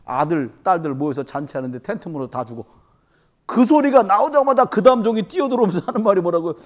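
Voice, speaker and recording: A woman's voice: medium pitch, very animated, fast talker. A woman pastor preaching a sermon at a church service, firing rhetorical questions at the congregation.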